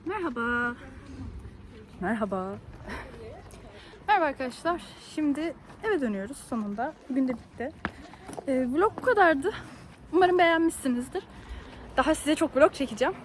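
A woman's voice: high-pitched, animated, moderate pace, long pauses. A young woman vlogger from Turkey, chatting casually in a teasing, talkative way. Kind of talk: casual vlog chat. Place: out and about in town, outdoors and public places. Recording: busy street noise with music behind.

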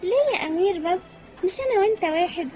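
A woman's voice: very high voice, lively intonation, racing, a little mellow, dull audio, faint music behind. A woman playing a scheming young wife who coaxes and soothes her husband in a wheedling manner. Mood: coaxing. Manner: coaxing, wheedling.

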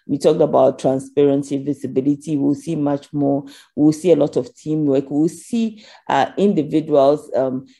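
A woman's voice: low-pitched, steady tone, moderate pace, few pauses, dark tone. A woman giving a conference keynote over slides, earnest, with frequent ums as she asks for the next slide. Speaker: keynote speaker.

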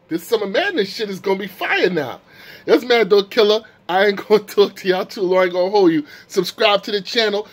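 Excited high-voiced man recapping a vlog. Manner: excited, slangy storytelling, swears a lot. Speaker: channel host recapping a rap battle.

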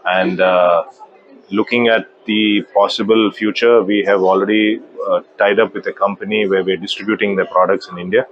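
Man in his thirties, very low voice, measured and hesitant, lapel mic, slightly dull sound, faint expo hall noise. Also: level tone. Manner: measured, hesitant with frequent fillers. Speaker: company managing director. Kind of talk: trade-show business interview. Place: indoor exhibition booth.

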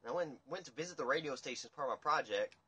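A man's voice: medium pitch, racing, slightly rough. Profane, rambling man ranting on a livestream. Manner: rambling, profane, animated rants. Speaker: livestream host. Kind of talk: casual livestream chat. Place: dim room indoors. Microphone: phone camera at table.

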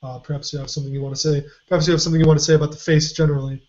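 A man co-hosting a casual puzzle podcast, halting with many fillers and restarts, his voice going a little hoarse. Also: a little high, little pitch movement, a little mellow. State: losing his voice. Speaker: podcast co-host. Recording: dull lo-fi podcast audio.

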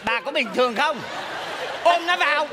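An actor playing a bumbling middle-aged exorcist master, scolding and theatrical on a theater stage. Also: male voice, extremely high pitch, expressive, moderate pace, a loud crowd. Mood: bossy. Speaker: spirit medium in a stage comedy sketch. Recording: stage sound with hall reverb and hiss.

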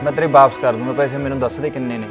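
An actor playing a grateful injured younger brother who talks earnestly. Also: male voice, mid-range voice, fairly even intonation, very fast, faint music behind, natural voice.

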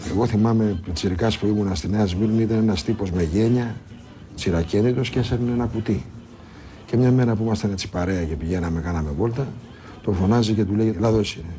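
A man's voice: lowish voice, warm tone, a little hiss or hum. A man reminiscing about his father in a documentary interview, telling stories and acting out the dialogue. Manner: storytelling, acts out dialogue. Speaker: interviewee, the singer's son.

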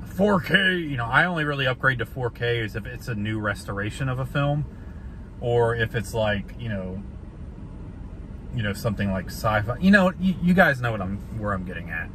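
A man's voice: mid-range voice, lively intonation, normal speed. Chatty man vlogging from his car. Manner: chatty and conversational, gesturing with his hands. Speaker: film vlogger. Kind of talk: casual talking-head vlog. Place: inside a parked car. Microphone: phone camera on the dashboard. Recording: loud car and street noise behind.

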